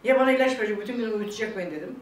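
A woman's voice: fairly high pitch, rapid-fire, recorded from a distance. An older woman in casual, emotional chat who is tearful and laughing by turns and quotes the people around her. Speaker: vlog guest talking about her illness. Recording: echoey room picked up from afar, faint background noise.

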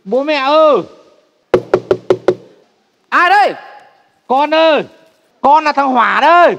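An actor playing a loud, naive grown son in a stage comedy sketch. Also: male voice, extremely high pitch, lively intonation, takes it slowly, gravelly, in a large hall, dull audio, music in the background, full character voice. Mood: calling. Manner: loud and exclamatory.

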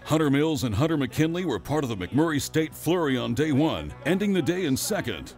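A man's voice: fairly high pitch, sing-song, fairly quick, a little mellow, faint music behind. A man giving scripted voice-over narration for a fishing tournament broadcast.

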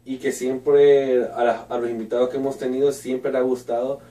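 Mellow-voiced radio host. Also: male voice, mid-range voice, flat delivery, moderate pace, distant mic. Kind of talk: hosting an interview. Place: small radio studio with red wall. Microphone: boom mic at a desk, headphones on. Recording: echoey room, voice picked up from afar.

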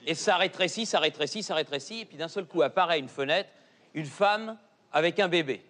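Sex: man. Role: a bright, high-voiced panelist telling a joke. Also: brisk. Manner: lively, emphatic storytelling. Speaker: talk show panelist.

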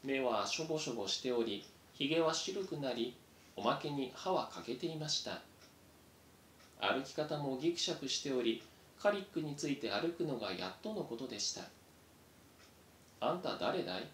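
Man reading a story in an echoey room. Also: fairly bright tone. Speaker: reader. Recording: roomy echo, faint rumble.

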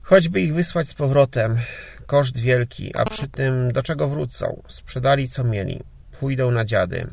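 A man voicing a gruff but kind older emigrant gentleman in a storybook, talking brusquely and grumbling. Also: mid-range voice, animated, measured pace, no room sound. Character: gruff, kindly old Polish emigrant gentleman.

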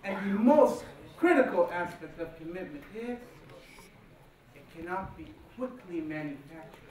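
A man giving a formal motivational speech in a deliberate, rehearsed-sounding way, in short measured phrases with dramatic pauses. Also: high-pitched, lively intonation, a little mellow. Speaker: guest speaker at a speech competition. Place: large auditorium stage, indoors. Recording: very echoey hall, distant, faint noise.

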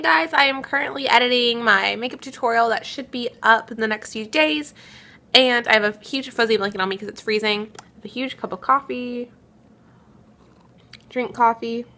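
Bright-voiced chatty young woman vlogging. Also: a little high. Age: young adult. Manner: chatty, upbeat, quick asides to camera. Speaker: beauty vlogger. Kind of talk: casual vlog chat.

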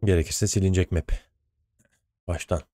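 A man's voice: low-pitched, fairly even intonation, moderate pace, warm tone. A man giving let's play commentary as he plays, talking to himself and swearing often in exasperation. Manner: talks to himself while playing. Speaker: gaming channel host.

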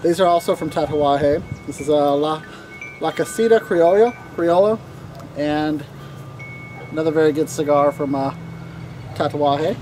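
A man with a Southern accent chatting casually to camera about cigars, relaxed and rambling with lots of fillers, recorded outdoors on a deck. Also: on the high side, unhurried, pauses often, over music. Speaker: cigar vlogger.

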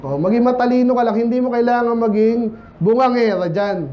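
A man's voice: extremely high pitch, a little fast, muffled recording. A man preaching a casual, conversational sermon as pastor, often asking the congregation "right?" and "amen?". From Philippines. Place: church.

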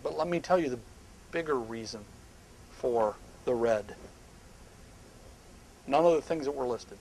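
A middle-aged man speaking at a live seminar on a small indoor stage, emphatic and animated, sometimes dropping to hushed asides. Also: medium pitch, a little slow, a little hiss or hum, poor audio.

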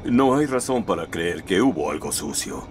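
Casting: blunt older cop, low lively gravelly voice, film drama. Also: male voice, normal speed. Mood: measured. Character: older male police officer, measured and blunt. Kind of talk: dubbed film drama acting. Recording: film scene with noisy outdoor ambience.

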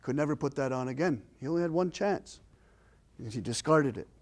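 A male storyteller relating a traditional tale in a relaxed, folksy way, repeating key phrases and lifting his voice as the action builds. His pitch sits in the middle range for a man. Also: a little fast. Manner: folksy, repetitive, rising with the action. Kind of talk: oral storytelling.

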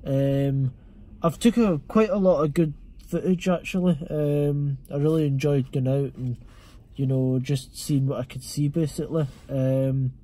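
A man's voice: a little high, steady tone, unhurried, mellow. A young man with a Scottish accent, chatting casually to camera from inside a parked car, rambling with many ums and restarts. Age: young adult. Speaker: vlogger. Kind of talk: casual vlog chat to camera. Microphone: camera mounted on the dashboard.

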